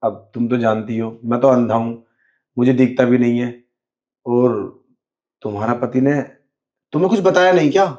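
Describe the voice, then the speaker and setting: A man's voice: mid-range voice, normal speed, long pauses, warm tone, lo-fi sound. A man in a scripted skit, playing a sleazy man who pretends to be blind, talking in a sly, wheedling way. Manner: sly, wheedling, keeps saying "you know". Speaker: actor in a short skit.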